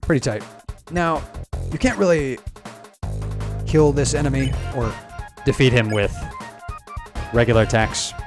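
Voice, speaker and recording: A man's voice: medium pitch, unhurried, pauses often. A man giving casual game commentary, musing aloud and explaining as he plays. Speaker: game streamer explaining game music. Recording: music playing behind the voice. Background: video game music.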